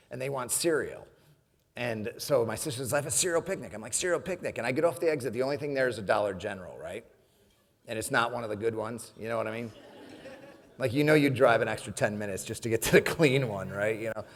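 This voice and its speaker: A man giving a humorous motivational speech, telling a story with frequent laughter and addressing the audience as friends. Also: medium pitch. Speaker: keynote speaker. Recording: long hall reverb.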